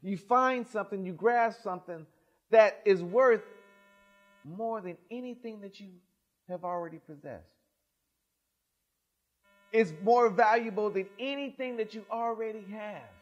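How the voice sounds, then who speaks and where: Middle-aged pastor guy preaching, kinda high voice, gets loud then real soft, small church. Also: unhurried, long pauses, dull audio. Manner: animated, expressive, loud and soft swings. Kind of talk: sermon with gospel reading. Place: small church sanctuary, indoors.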